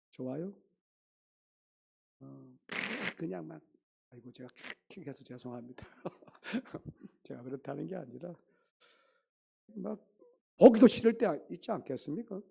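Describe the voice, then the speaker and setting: A man's voice: mid-range voice, creaky, mellow, husky. A man preaching a sermon as pastor, telling a story and speaking straight to the congregation. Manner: storytelling, quotes others, addresses congregation directly. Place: church sanctuary.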